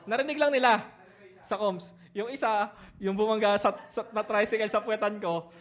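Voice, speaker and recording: A man, a pastor telling a personal story in a sermon, moving between hushed reflection and loud, laughing retelling. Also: sits high, moderate pace.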